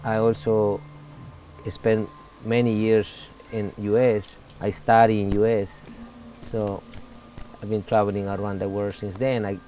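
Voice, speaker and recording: A man's voice: lowish voice, little pitch movement, mellow, soft background music. Candid Salvadoran man in his forties. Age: 40s. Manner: earnest, candid, halting non-native English. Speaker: interviewee. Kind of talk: casual interview talk.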